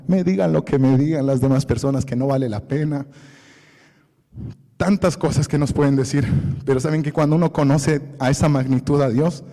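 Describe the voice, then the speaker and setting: A man's voice: medium pitch, normal speed, warm tone. Preacher man in an echoey hall. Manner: storytelling, quoting family in his own voice. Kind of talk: sermon testimony. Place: church hall.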